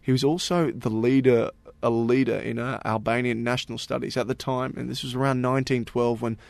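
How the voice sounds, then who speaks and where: A man with a medium-pitched, steady voice talks a little fast, with vocal fry and no room sound. Co-hosting a casual podcast, he chats with his co-hosts and tells them stories, packing in lots of fillers.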